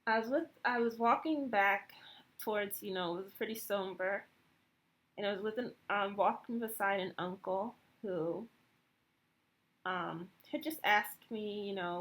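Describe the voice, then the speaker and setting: A woman in her thirties from the United States speaks to the camera in a somewhat low voice. She talks in a reflective, hesitant way, pausing on fillers and restarting her sentences. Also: a bit bright. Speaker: vlogger. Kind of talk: personal reflective monologue.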